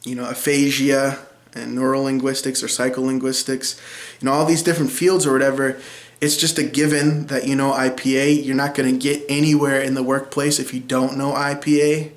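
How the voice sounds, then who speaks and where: A man's voice: medium pitch, little pitch movement, brisk. A young man in his twenties with a Minnesotan accent, casually teaching about linguistics, chatty with frequent ums. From central Minnesota. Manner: chatty, frequent ums, laughs at own remarks. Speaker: linguistics video host. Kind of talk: casual educational talk. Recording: echoey room.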